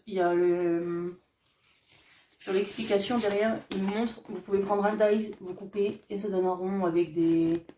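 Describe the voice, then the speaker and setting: A woman vlogger casually showing off her craft shopping haul, chatty and hesitant, often pausing on fillers as she describes each item. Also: mid-range voice, mellow, recorded from a distance, slight background noise. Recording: echoey room, voice off-mic.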